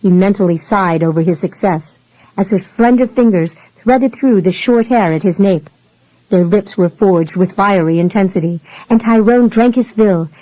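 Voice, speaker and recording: Woman, audiobook narrator, mellow voice, even reading, dry close sound. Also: mid-range voice, dry recording, low-quality recording. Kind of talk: scripted romance narration.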